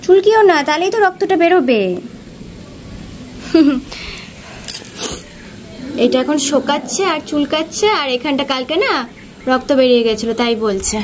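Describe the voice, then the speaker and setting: Woman, from West Bengal, high voice, hoarse with a cold, coaxing mother, casual home vlog. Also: a little slow, pauses often, background noise. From West Bengal, India. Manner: coaxing, talks gently to her small daughter. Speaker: vlogger mother. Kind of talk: casual home vlog talk to camera and child.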